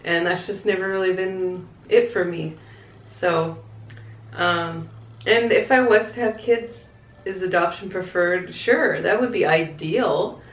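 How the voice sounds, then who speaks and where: A woman with a slightly low voice talks casually, as in a question-and-answer vlog. She is candid and reflective, keeping things conversational. The room around her is clearly echoey. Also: takes it slowly. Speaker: vlogger answering viewer questions. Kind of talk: casual chatty Q&A to camera. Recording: echoey, roomy sound.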